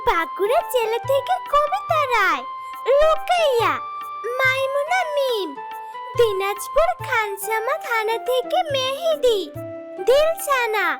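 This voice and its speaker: A woman voicing a squeaky little cartoon character who announces names one by one. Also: lively intonation, exaggerated voice. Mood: excited. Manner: slow name-by-name announcing. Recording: loud jingly children's music behind.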